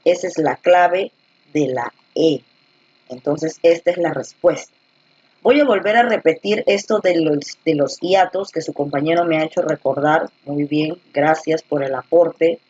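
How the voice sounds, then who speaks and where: A woman teacher with a fairly low, husky voice explains patiently in an online class, slowly repeating words to stress their syllables. The sound is dull and dry, like lo-fi video call audio. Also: a little mellow, no room sound. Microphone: computer or headset mic on a video call.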